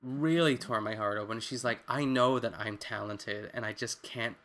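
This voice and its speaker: A man co-hosting a casual recap chat, expressive and chatty, acting out quotes and swearing casually. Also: mid-range voice, moderate pace. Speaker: podcast co-host.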